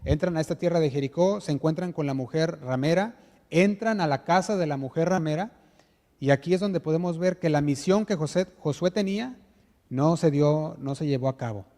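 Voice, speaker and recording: A male pastor with a Mexican Spanish accent delivers an emphatic sermon. His voice is slightly higher than most men's but dark and mellow. It carries a long church-hall reverb, and he slows down to stress the scripture he reads. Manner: earnest, emphatic preaching with rhetorical questions; reads scripture aloud, slowing on key words. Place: church sanctuary.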